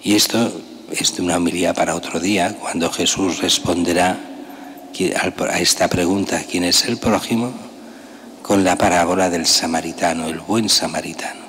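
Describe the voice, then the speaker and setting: A man's voice: sits low, fairly even intonation, normal speed, fairly bright tone. An older man, a priest, preaching a homily at a lectern in a large church, with a conversational, emphatic way of talking and pointed rhetorical questions. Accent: Spanish. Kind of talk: sermon. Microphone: gooseneck lectern mic. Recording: long church reverb, faint hiss.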